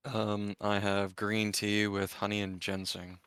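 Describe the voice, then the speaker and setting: Very low-voiced woman player. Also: little pitch movement, a little slow, fairly bright tone, clear, resonant tone, dry recording, clean studio sound. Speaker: player, plays a dwarf. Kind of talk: casual chat at a game table.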